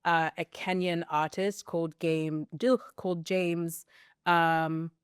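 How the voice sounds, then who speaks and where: Relaxed young woman with low smooth voice. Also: slow, dry recording, studio quality. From South Africa. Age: young adult. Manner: relaxed, rambling with fillers. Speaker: podcast co-host. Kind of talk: casual chat.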